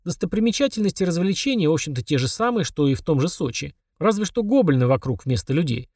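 A man narrating an audiobook with a somewhat high voice. His reading is lively, and he pitches up for the characters. The sound is dry and close, with no room around it. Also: fast talker, husky, no echo, recorded from a distance. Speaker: audiobook reader. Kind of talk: scripted narration.

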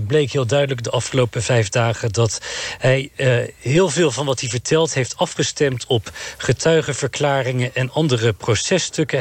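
Guy reporting from court on the radio, average pitch, dry close sound, lots of uhs. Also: no room sound. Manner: measured, retelling quotes with frequent filler hesitations. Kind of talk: live radio news report.

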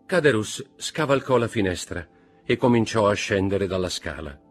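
An Italian man narrates a classic novel with vivid, dramatic expression. His voice is lowish and husky, with a lively, wide-ranging intonation, and soft music plays faintly underneath. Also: moderate pace. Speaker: audiobook reader.

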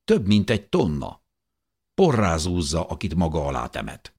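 A man's voice: sits low, wildly swooping pitch, darkish tone, husky, heavily acted. A man reading an audiobook, voicing a blunt young man who states hard facts plainly. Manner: blunt, matter-of-fact.

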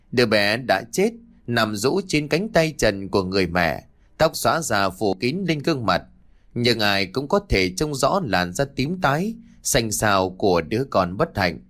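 A man narrating a ghost story with slow, dramatic pacing. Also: mid-range voice, a bit bright.

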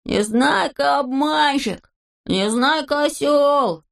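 A woman voicing a chubby little boy who teases and jeers in drawn-out taunts. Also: medium pitch, close to an everyday voice. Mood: jeering. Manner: loud, jeering, drawn-out taunts.

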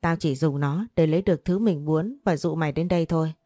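A woman's voice: deep voice, brisk, mellow, no room sound, clean studio sound. A woman voicing a spiteful, cruel young aunt who talks in harsh, contemptuous threats in an audio story. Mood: sneering threats.

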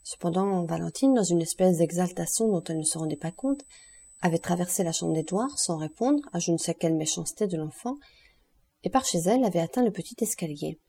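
A woman narrating a classic novel as an audiobook, reading at a measured, steady pace. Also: fairly low pitch, breathy edge.

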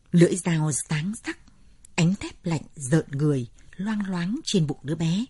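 A woman narrating a story in a measured, dramatic storytelling manner. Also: sits low, warm tone, husky, dry recording.

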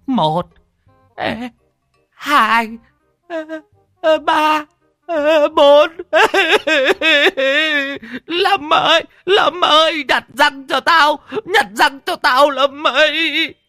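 A shrill cackling old man, Lão Đồng. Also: extremely slow, pushed and bright, dry recording, studio quality, faint music behind, heavily acted. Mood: wailing. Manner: cackling, high shrill cheering. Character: gleeful, crude old man cackling at others.

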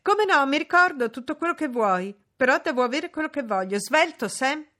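A woman's voice: high voice, animated, moderate pace, pushed and bright, voice pushed up. Woman voicing a haughty young noblewoman. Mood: imperious. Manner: imperious, commanding.

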